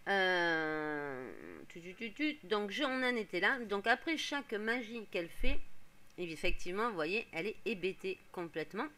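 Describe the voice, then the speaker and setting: A hoarse woman streaming a life-sim game, explaining each step casually with lots of fillers. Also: mid-range voice, expressive, normal speed, sharp tone. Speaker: gaming streamer. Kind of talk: casual gameplay commentary.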